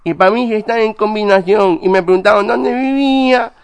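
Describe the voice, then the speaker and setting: A man's voice: sits high, fairly quick, clean tone. A man doing a nervous tongue-tied husband. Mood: flustered. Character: nervous married man caught in a car, short tongue-tie. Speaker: comedy radio sketch performer. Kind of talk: radio comedy sketch.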